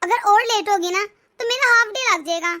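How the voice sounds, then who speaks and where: A woman voicing a dutiful young daughter-in-law in an animated family story, speaking politely and steadily. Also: very high voice, normal speed, no echo, clean studio sound. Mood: calm.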